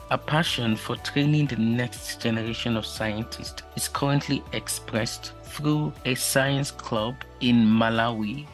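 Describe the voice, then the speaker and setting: A man hosting a podcast, reading a measured, formal scripted introduction. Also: medium pitch, rough recording. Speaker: podcast host. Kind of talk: scripted narration. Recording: faint music behind.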